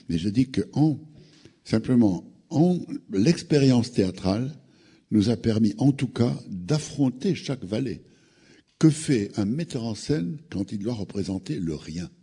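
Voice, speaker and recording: An older man with a deep, dark voice talks slowly through his thoughts at a panel, circling back on words as he goes. His tone is husky and mellow rather than crisp. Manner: halting, repeats words while searching. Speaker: actor and speaker on a panel. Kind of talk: reflective panel talk.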